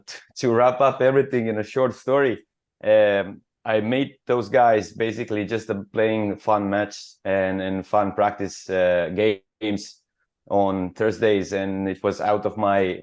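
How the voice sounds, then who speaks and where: Man, Croatian accent, non-native English, low-pitched, earnest, hesitant. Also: steady tone, a little mellow. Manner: halting, many fillers and restarts, earnest. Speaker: futsal club captain. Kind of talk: radio interview.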